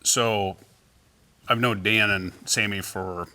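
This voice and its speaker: Low, bright-voiced man telling stories. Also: takes it slowly. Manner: relaxed, anecdotal, many fillers and restarts. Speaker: company owner and founder, interview guest. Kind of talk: casual interview storytelling.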